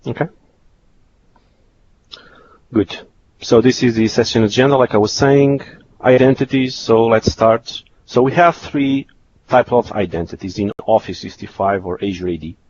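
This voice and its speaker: A man's voice: mid-range voice, moderate pace, long pauses, darkish tone. A man giving a technical webcast presentation, explaining slides in a hesitant, repetitive way. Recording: dull lo-fi webcast audio with hiss.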